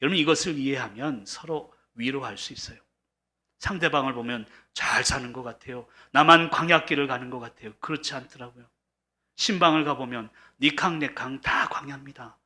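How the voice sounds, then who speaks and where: A man's voice: medium pitch, pushed and bright. A middle-aged man preaching a sermon as pastor, earnest and building to emphatic peaks.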